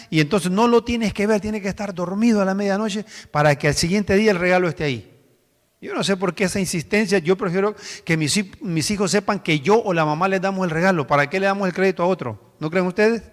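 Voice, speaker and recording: A man's voice: high-pitched, a bit bright, long reverb tail. A male pastor preaching a sermon, telling stories in a conversational way and asking the congregation rhetorical questions.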